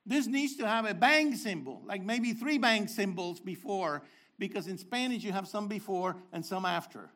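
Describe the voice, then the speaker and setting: Older guy preaching, high bright voice, explains hebrew words, gets loud and emphatic. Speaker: Messianic teacher. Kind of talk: sermon teaching.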